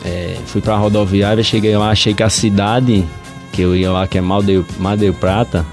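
A man's voice: fairly low pitch, steady tone, moderate pace, a little mellow, soft background music. A man from Paraíba, a podcast guest telling a long story in a rambling, casual way. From Paraíba, Brazil. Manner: rambling, with frequent "entendeu?" and "velho".

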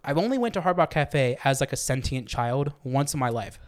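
A man's voice: mid-range voice, animated, a little fast. A young man co-hosting a podcast, chatting about music in an enthusiastic, rambling way with many restarts. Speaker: podcast co-host. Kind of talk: casual music review chat.

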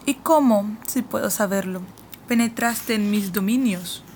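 A woman's voice: mid-range voice, a little slow, darkish tone, natural voice. A woman voicing an imperious queen who questions sharply and impatiently, in an audiobook reading with a faint hiss behind. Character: cold imperious queen, commanding and suspicious.

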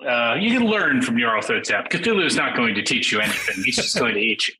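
A man being interviewed as a podcast guest, answering in a halting way with dry jokes and easy laughs. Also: mid-range voice, very animated, bright, forceful tone. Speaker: podcast guest, game writer. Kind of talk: casual interview chat. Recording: roomy remote room sound.

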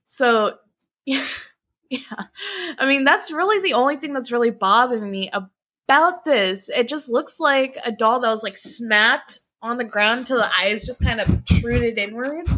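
A woman co-hosting a podcast in loose, casual chat, with a bright, fairly high voice. She talks in an animated, exasperated way, laughing often and swearing freely. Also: measured pace.

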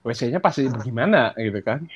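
A young man with a Sundanese accent co-hosts a podcast, full of joking, crude banter. His voice sits at a middle pitch. The recording sounds dull and lo-fi. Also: lively intonation, fairly quick, over a noisy crowd. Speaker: podcast co-host. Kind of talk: casual podcast chat.

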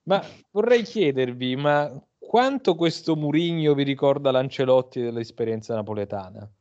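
Male podcast panelist, casual football chat, halting and self-interrupting, mid-pitched, slightly lo-fi. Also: expressive, a little mellow. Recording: slightly dull, lo-fi podcast audio.

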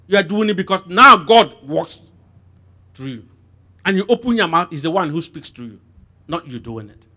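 Preacher guy, lively up and down voice, fires questions at the crowd so they answer back. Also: a little high. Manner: lively, emphatic call-and-response questioning. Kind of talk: sermon.

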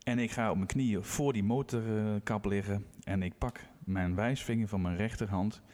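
A man's voice: on the low side, moderate pace. A Dutch man from Groningen, co-hosting a casual podcast and telling a story with acted-out quotes. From Groningen, Netherlands. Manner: animated anecdote teller, acts out quotes. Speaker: podcast co-host, physiotherapist. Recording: room with long reverb.

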